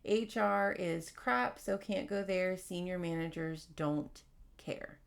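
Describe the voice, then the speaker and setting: A woman hosting a casual advice podcast, talking fast and candidly while she reads out workplace stories and comments. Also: lowish voice, vocal fry. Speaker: podcast host.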